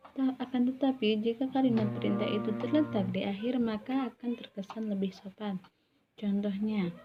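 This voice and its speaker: A woman's voice: mid-range voice, lo-fi sound. Young woman giving a class presentation. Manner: measured, explanatory, with self-corrections. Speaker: student presenter.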